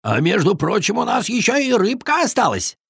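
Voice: mid-range voice, huge pitch swings, measured pace, fairly bright tone, slightly rough, dry recording, studio quality, voice pushed up, exaggerated voice. A storyteller voicing an eager little beaver who speaks proudly and enthusiastically.

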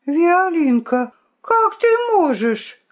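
A woman's voice: high-pitched, very animated, drawn-out words, lo-fi sound, voice pushed up, exaggerated voice. Woman voicing an old veteran rooster. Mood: pleading. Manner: earnest, emotional. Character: old veteran rooster, a gentle male soldier.

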